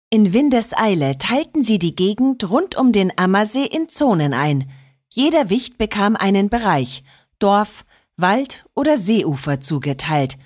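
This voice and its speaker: Slow, expressive woman reading a story. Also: medium pitch. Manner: expressive, unhurried. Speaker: narrator.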